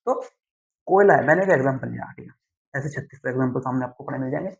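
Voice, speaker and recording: A young man, teaching a class lesson slowly and deliberately, often checking in with his students. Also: mid-range voice, gravelly. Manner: slow, deliberate explaining with frequent "theek hai" check-ins. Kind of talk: classroom lecture. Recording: dull lo-fi sound.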